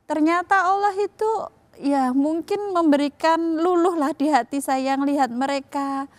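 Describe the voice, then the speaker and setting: A woman's voice: high-pitched, moderate pace, no room sound. A woman giving a reflective, heartfelt personal account in a TV interview. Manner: reflective, heartfelt, acts out quoted voices. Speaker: co-founder of a rehabilitation home.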